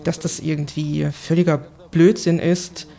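A woman working as a correspondent, explaining things in a conversational reporting style with a creaky voice. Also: low-pitched, little pitch movement, unhurried, dark tone.

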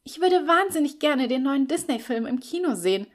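A woman reading a sly, cheerful young flatmate. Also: on the high side, fairly quick, lightly acted. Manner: bright, teasing, eager.

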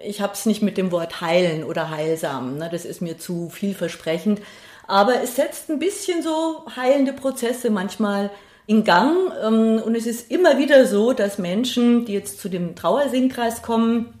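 Her medium-pitched, slightly mellow voice is animated and moderately paced, with reverb around it. She's a middle-aged singer from Bavaria, Germany, who leads a grief singing circle, reflecting in an interview, hunting for words and seeking agreement through short tag questions.

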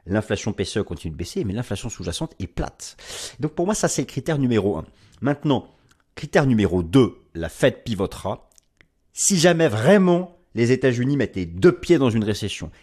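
A man giving market commentary over charts, lively and emphatic, with frequent restarts and asides. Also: medium pitch, fairly quick, breathy edge. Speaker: market analyst presenting forex video.

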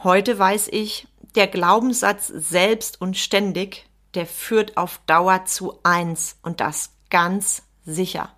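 A woman's voice: mid-range voice, fairly even intonation, slow, few pauses, a bit bright. A woman coach speaks in a solo podcast monologue. She addresses the listener directly, with a blunt and emphatic manner. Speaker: business coach.

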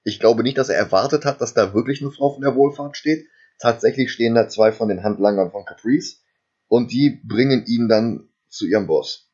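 A man's voice: medium pitch, normal speed, dark tone, breathy edge, lo-fi sound. A man co-hosting a casual film podcast, retelling the plot at length with dry asides. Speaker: podcast co-host recapping a film. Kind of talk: casual chat.

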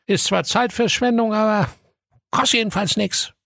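A man's voice: sits high, steady tone, normal speed, creaky, pushed and bright, no room sound, clean studio sound, voice pushed up, heavily acted. A man putting on the voice of a grumpy old miser muttering sleepily in a comic audio story. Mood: sleepy muttering.

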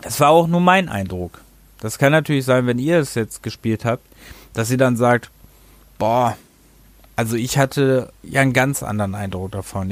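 Guy rambling slowly on his game podcast, keeps misspeaking, pretty dry sound. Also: mid-range voice, no echo. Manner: rambling, often stumbles and corrects himself. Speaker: podcast host. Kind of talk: casual spoken game review.

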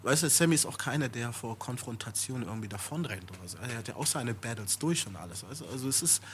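A man's voice: medium pitch, animated, quick pace, fairly bright tone, a little hiss or hum. A middle-aged man from the Stuttgart area, a rapper guest in a casual podcast talk, loose and chatty, tagging his sentences with "you know". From Stuttgart area, Germany.

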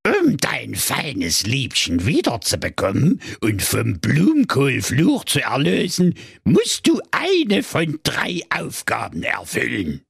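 A man voicing an old witch who speaks slowly and deliberately in a sing-song tone. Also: mid-range voice, huge pitch swings, vocal fry, a bit bright, slightly rough, dry recording, clean studio sound, pitched above the performer's own voice, heavily acted.

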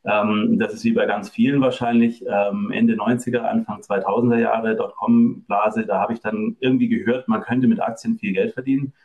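A man's voice: on the low side, steady tone, normal speed, few pauses, phone-quality sound. A middle-aged man from Germany, a guest in a casual interview, speaking hesitantly with many fillers.

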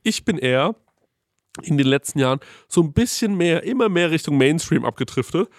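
A man's voice: on the high side, expressive, a little fast, no room sound, clean studio sound. A man hosting a casual chat, ranting animatedly with lots of swearing.

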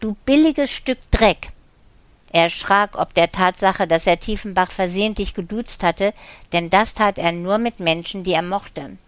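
A woman narrating a thriller audiobook in an even, steady reading. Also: lowish voice, normal speed, smooth, no room sound. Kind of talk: scripted narration.

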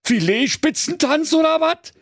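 Guy doing a snarky octopus, high teasing voice. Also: expressive, a little slow, no room sound, clean studio sound. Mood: mocking. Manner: cheeky, mocking. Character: mocking eight-armed octopus.

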